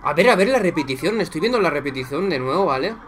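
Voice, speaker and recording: A young man from Spain with a Spanish accent, reacting live to a football match, excitable and profane, shouting at goals and muttering in between, talking to his viewers like friends. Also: a little high, fast, crowd noise.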